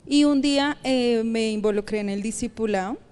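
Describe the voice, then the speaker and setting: A woman's voice: a little high, normal speed, clean tone. Laughing woman pastor telling her story. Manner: animated storytelling, laughs often. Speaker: pastor, interview guest. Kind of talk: personal testimony in a podcast interview.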